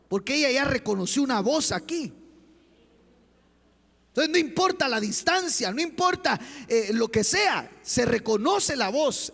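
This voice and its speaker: A man's voice: very high-pitched, a bit bright. A man preaching a sermon as pastor, impassioned and full of rhetorical questions, in a church. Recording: long church hall reverb.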